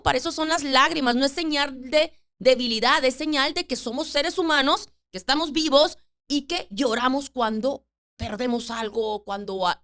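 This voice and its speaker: A woman's voice: high-pitched, a bit bright. A middle-aged woman hosting a solo podcast, talking earnestly about grief and often repeating words as she thinks aloud. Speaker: podcast host.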